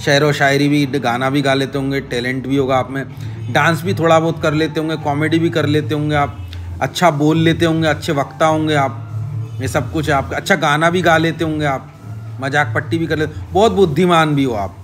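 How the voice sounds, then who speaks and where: A man with a somewhat high voice talks straight to the listener about horoscopes, stacking short repeated phrases into lists and checking in often. Faint music sits behind him. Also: level tone, a little fast. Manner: repetitive, direct address to viewer with frequent "ठीक है?"; listing advice in short chanted phrases. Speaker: astrology channel host. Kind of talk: casual astrology explainer.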